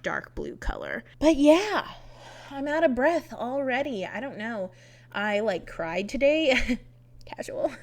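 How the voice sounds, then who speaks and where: A woman's voice: mid-range voice, fairly bright tone. A young woman chatting casually over a voice-over, rambling and laughing often, her nose stuffed up from crying. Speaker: Sims builder vlogger.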